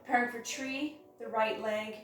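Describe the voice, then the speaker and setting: A woman teaching a hatha yoga class, guiding each step in a careful, unhurried way. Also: a little high, fairly even intonation, a bit bright. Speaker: yoga instructor. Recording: very echoey room, distant mic, music.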